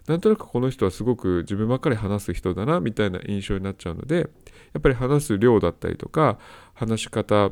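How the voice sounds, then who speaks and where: A man's voice: mid-range voice, vocal fry, a little mellow. A man hosting a solo advice talk, explaining step by step and repeating his key points. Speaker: host of a self-help audio talk.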